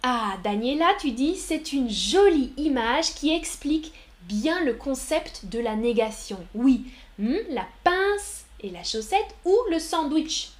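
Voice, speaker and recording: A woman's voice: high-pitched, lively intonation. A woman from France teaching French in a live online lesson, repeating words one by one and replying to viewers' chat. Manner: slow, deliberate, repeats single words for learners; reads and answers viewers' chat messages.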